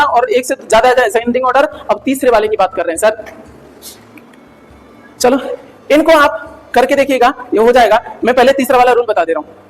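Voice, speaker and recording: A male grammar teacher giving an animated classroom lecture, quizzing students with quick questions and jokes. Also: very high-pitched. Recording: hall reverb.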